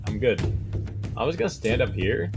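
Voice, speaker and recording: A lower-voiced man playing a tabletop game, talking loosely and cursing. Music plays in the background. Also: big pitch swings, normal speed. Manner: loose, swearing. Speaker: player. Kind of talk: casual game chat.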